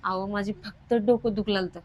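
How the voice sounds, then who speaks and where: A woman's voice: medium pitch, steady tone, a little fast, darkish tone, lightly acted. A woman playing an unwell, groggy village wife in a comedy skit, whining and complaining with a rural Marathi accent. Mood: accusing.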